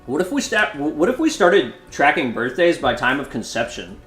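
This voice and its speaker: A man's voice: a little high, sing-song, moderate pace, a bit bright. A man in his twenties streaming a card game, chatting loosely and jokingly with viewers while he plays. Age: 20s. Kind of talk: casual live-stream commentary. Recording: roomy echo, faint music behind.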